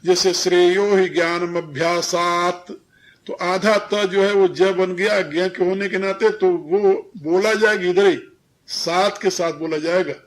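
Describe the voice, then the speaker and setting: Older male spiritual teacher, high-pitched and unhurried, didactic with frequent chuckles. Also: fairly even intonation. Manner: didactic, chuckles while correcting pronunciation. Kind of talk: religious discourse. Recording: 1993 recorded lecture.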